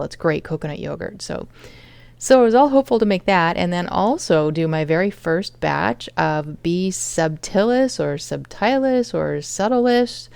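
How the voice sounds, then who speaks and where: Low, gravelly woman chatting through a recipe. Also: a little mellow, no room sound. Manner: chatty, explains each step. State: chronic fatigue. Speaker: home cooking vlogger. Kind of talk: casual cooking vlog narration.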